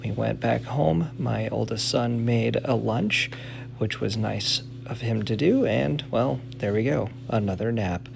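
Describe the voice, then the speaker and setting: Guy narrating his vlog, super gravelly fry in the voice, lots of noise behind him. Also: mid-range voice, unhurried. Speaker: ring announcer and vlogger. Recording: loud background noise.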